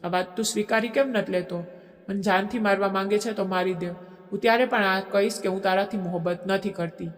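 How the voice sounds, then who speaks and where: A man's voice: high voice, steady tone, normal speed, gravelly, faint music behind. A man voicing a frightened but defiant young woman in a storybook drama, pleading and raising his voice. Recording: echoey long reverb.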